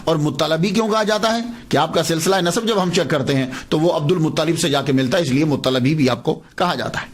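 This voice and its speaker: A man's voice: a little high, few pauses. A man giving a patient, explanatory religious lecture, repeating words to stress how they are said.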